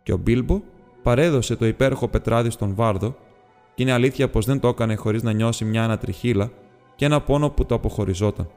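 A man narrating an audiobook in a steady, measured reading voice. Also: medium pitch. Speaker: audiobook reader. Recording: long reverb with faint music.

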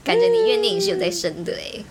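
A young woman, chatting on a podcast in an animated, ranting way and laughing often. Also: very high-pitched, quick pace, very noisy. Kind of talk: casual chat.

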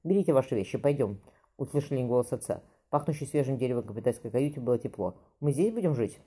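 A woman's voice: a bass voice, animated, fast, mellow, breathy edge. A woman reading a historical novel aloud as a narrator, lifting her voice for the characters' lines, with occasional slips and restarts. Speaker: audiobook narrator.

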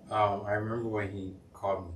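A young man from Cameroon, a guest on a podcast, talks in a chatty, joking way, full of "um" and "like". His voice is low. He is recorded off-mic in an echoey room with faint background hiss. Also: flat delivery, quick pace. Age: young adult. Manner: chatty and jokey, many "um" and "like". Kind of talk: casual interview chat. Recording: roomy, distant mic, faint noise.

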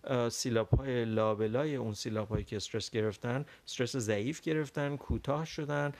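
A man whose first language is Persian, teaching a language lesson and explaining patiently with frequent pauses and fillers. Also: medium pitch, a little mellow. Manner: explains carefully with many pauses and fillers, models English words slowly. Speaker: English teacher.

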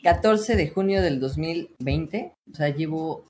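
A young Mexican man who streams and coaches voices speaks earnestly in a casual podcast chat, giving advice and often restarting with "o sea." His voice is a little high and darkish in tone, and he takes his time.

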